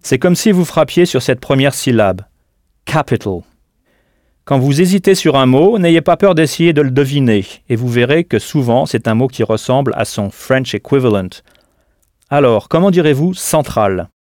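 A man's voice: medium pitch, expressive, normal speed, darkish tone, no room sound, studio quality. A man teaching a scripted audio language lesson, patient and didactic, prompting the listener to answer.

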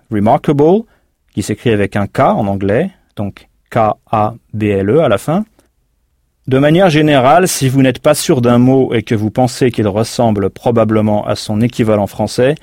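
In studio-quality audio with no echo, a male narrator of a language course speaks in a dark, mid-range voice. He patiently walks through explanations and spells words one letter at a time.

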